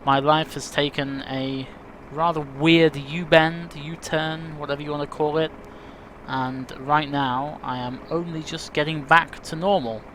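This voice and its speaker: A man hosts his flight simulator video, chatting casually with viewers in a rambling, self-deprecating way. His voice sits a little high and comes across steady, a touch slow, and fairly bright. He's in a room at home, with faint rain and birdsong drifting in from outside.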